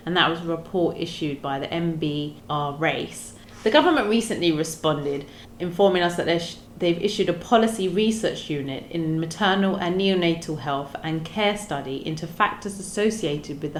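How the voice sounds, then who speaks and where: Low-voiced woman hosting a podcast. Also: a little hiss or hum. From London, England. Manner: measured and earnest, with small restarts. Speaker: podcast host. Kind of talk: podcast discussion, partly read from research notes. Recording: roomy echo.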